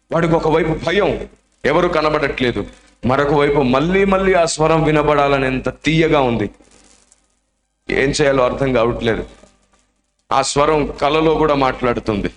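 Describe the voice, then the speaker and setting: A man's voice: a little high, moderate pace, pauses often, faint music behind. A male preacher telling a testimony story in a dramatic, emotional sermon style. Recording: echoey room.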